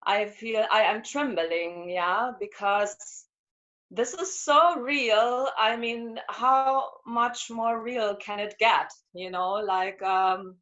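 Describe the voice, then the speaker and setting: Hungary-born woman in her 40s, earnest, halting, on headphones, dull call sound. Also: medium pitch, fairly even intonation, a bit bright. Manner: earnest, moved, hesitant with fillers. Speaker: community member. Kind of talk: casual chat on a video call. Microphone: headphones on a video call.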